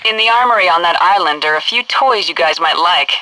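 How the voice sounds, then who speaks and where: Playing a video game's military HQ instructor, an actress gives clipped, authoritative tutorial orders through a noisy radio-like feed. Her voice is on the low side, natural and animated, with a brisk, instructive mood.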